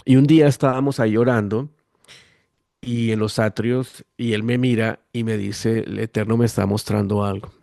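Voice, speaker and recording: A man's voice: lowish voice, normal speed, creaky, no room sound, clean studio sound. A Colombian man in his fifties with a Bogotá accent, a pastor telling his testimony animatedly in an interview. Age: 50s. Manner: lively animated storytelling, acting out quoted voices. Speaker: guest pastor. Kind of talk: storytelling testimony.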